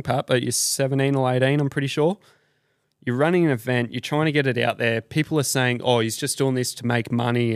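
A man's voice: mid-range voice, no room sound, studio quality. An Australian man hosting a podcast, ranting casually with blunt, sweary slang. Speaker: podcast host.

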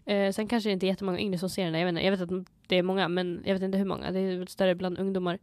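A woman's voice: lowish voice, flat delivery, darkish tone, no echo. A young woman co-hosting a casual chat podcast, talking reflectively and slipping in English phrases. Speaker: podcast co-host.

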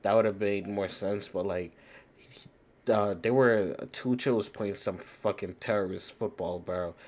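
A man's voice: fairly low pitch, steady tone, measured pace, a little mellow. A man co-hosting a sports podcast, talking loosely and full of slang. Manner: slangy, loose, says bro a lot. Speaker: podcast co-host. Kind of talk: casual sports chat.

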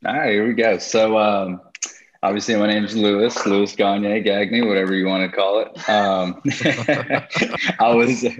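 Guest spot: twenties man from Costa Rica, low-pitched, laid-back storyteller, muffled lo-fi podcast audio. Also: measured pace, a little hiss or hum. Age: 20s. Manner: relaxed, laughs easily, plain storytelling. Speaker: guest golfer. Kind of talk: casual podcast interview.

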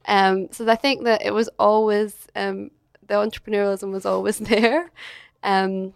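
A woman's voice: medium pitch, level tone, moderate pace, vocal fry, smooth, no echo, clean studio sound. A Scottish woman in her thirties, telling stories as a chatty interview guest who laughs often. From Scotland. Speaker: guest, agency director. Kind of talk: casual interview chat. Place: hotel.

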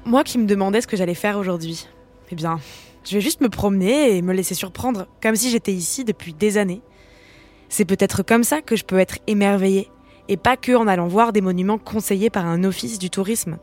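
A woman narrating her travel vlog in a scripted, lively and curious way. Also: medium pitch, a little fast, soft background music.

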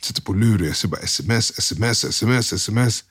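A man's voice: on the low side, lively intonation, a bit bright, husky. Subdued young man recounting a crisis. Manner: subdued, halting, slangy retelling with quoted dialogue. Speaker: interview guest. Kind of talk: candid personal storytelling.

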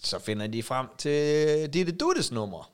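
A middle-aged man co-hosting a casual chat podcast, telling anecdotes animatedly with halting restarts. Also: a little high, big pitch swings, smooth. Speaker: podcast co-host.

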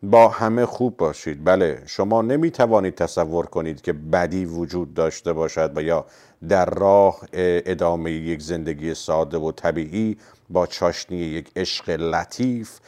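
A man narrating a novel and voicing its characters in a calm, measured reading. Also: low voice. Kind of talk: audiobook reading with character voices.

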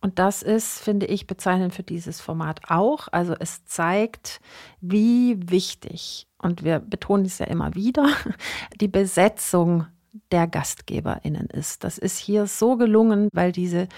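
A woman's voice: fairly low pitch, a little slow, a little mellow, dry recording, studio quality. A woman co-hosting a podcast, chatting enthusiastically with some hesitations. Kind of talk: casual podcast conversation.

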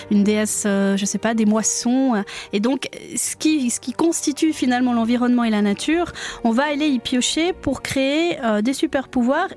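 A woman's voice: a little high, a little mellow. A woman giving conversational analysis as a podcast commentator, explaining things with hesitant phrasing.

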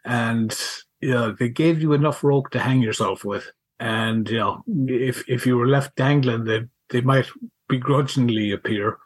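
Wry of man, halting speech. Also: mid-range voice, no room sound. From County Mayo, Ireland. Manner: halting, repeats words, wry. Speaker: podcast guest, school alumnus. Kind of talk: casual reminiscing conversation.

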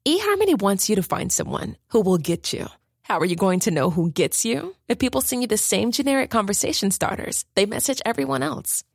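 A woman's voice: medium pitch, big pitch swings, brisk, no echo, studio quality. A woman reading a scripted advertisement in an upbeat, persuasive way. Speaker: ad reader. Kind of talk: scripted ad read.

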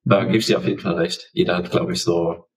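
A man's voice: low-pitched, level tone, fast, reverberant, recorded from a distance. A man hosting an interview conversationally, his voice sounding robotic through a poor microphone. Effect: robotic-sounding audio. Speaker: podcast host and interviewer. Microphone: wrong, poor-quality microphone.

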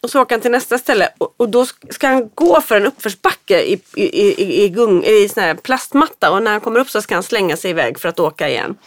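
A woman's voice: medium pitch, few pauses, dry recording, studio quality. A woman in her thirties telling a story in casual chat, acting out the voices of the people in it. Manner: lively storyteller, acts out quotes.

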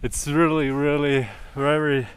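A male rider giving short, relaxed answers to the host. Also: a little high, measured pace, slight background noise. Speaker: race rider. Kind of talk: casual chat.

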